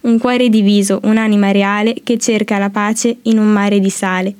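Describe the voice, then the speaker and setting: A teenage girl reads her own poem in a flat, even voice. The sound is dry and close. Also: medium pitch, moderate pace, clear, resonant tone, dry recording. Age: teens. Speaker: student reading her poem. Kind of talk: poetry reading.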